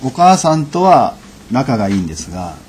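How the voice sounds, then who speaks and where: A man giving a lecture and telling an anecdote in a measured, unhurried way, with frequent fillers. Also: mid-range voice, big pitch swings, darkish tone, a little hiss or hum. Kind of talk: storytelling lecture.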